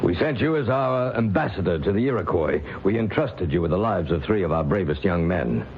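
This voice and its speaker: Proud stern chief, formal speechy radio drama, deep, very animated, slightly noisy recording. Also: male voice, fairly quick. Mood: stern, imperious. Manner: formal, declamatory, imperious. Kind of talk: old-time radio drama acting. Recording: muffled vintage radio, faint noise.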